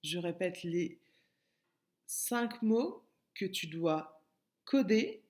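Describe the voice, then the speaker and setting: A woman's voice: medium pitch, a little mellow, echoey room. A woman with a French accent teaching young children in a recorded remote lesson, patiently repeating words and splitting them into syllables. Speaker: kindergarten teacher.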